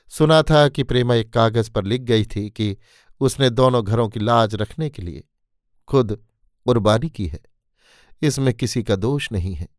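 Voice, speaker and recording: A male storyteller reading a short story in a steady, measured way. His voice sits at a middling pitch and the sound is dry and close, with no room around it. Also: dry recording. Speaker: narrator.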